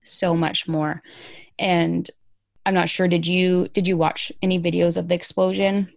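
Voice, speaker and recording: A woman gives casual news commentary as a podcast host. She is informal and emphatic, with a gravelly creak in a slightly low voice. The recording is dry and close. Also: little pitch movement, unhurried, no room sound.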